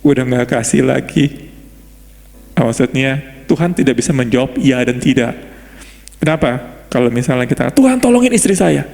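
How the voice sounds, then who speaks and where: A man preaching a sermon in a relaxed, conversational way, joking and acting out prayers. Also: medium pitch, moderate pace, creaky, long pauses, long reverb tail. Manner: conversational, humorous, laughs often and acts out prayers.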